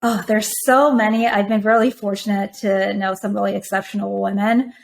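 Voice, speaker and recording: Woman from taiwan, mandarin native, guest on a podcast, thoughtful and measured, bit of fry in the voice. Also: medium pitch, fairly even intonation. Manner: measured, thoughtful, with frequent fillers. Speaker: podcast guest, venture firm operator. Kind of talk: conversational interview.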